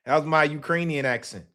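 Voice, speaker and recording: A man with a slightly high voice hosts a live boxing talk stream. He talks casually and with emphasis, restates his points, swears, and now and then shouts out.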